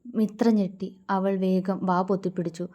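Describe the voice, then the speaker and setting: Warm, soft-voiced woman storyteller. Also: mid-range voice, little pitch movement, moderate pace, muffled recording. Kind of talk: romance story narration.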